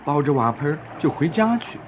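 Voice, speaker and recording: Lively man telling stories to small children. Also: a little high, fairly quick, background noise. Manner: expressive, simple explaining addressed to small children. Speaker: children's storyteller. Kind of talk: scripted storytelling narration for children. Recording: dull lo-fi recording with music behind.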